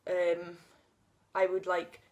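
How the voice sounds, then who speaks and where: Outside on a sunny day, a vlogger in her thirties speaks openly and with emotion, unscripted and sometimes laughing. She stutters with blocks on first sounds; her voice is on the low side, monotone, a little mellow, and slow-paced.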